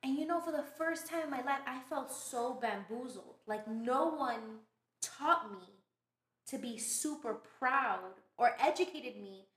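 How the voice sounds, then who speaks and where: A woman from Brooklyn, a podcast guest telling stories in casual, animated chat. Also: high-pitched, a little slow. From Brooklyn, New York. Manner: animated storytelling, laughs often. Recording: roomy echo.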